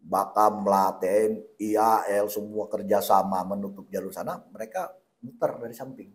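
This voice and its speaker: A man interviewed as an official, explaining matters in a measured, conversational way. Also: on the low side.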